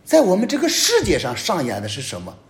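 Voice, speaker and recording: Male priest, fairly high voice, very animated delivery, emphatic homily with loud peaks and hushed drops. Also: fast. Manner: emphatic preaching, sweeping rises and drops in pitch and loudness.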